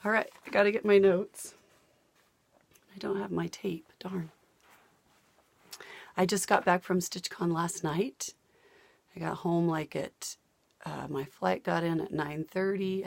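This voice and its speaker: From her home, a cross-stitch vlogger from the United States, an older woman, talks about her craft in a rambling, easygoing way, laughing readily. Days of talking have partly worn her voice out, leaving it creaky and on the low side. The recording is dry.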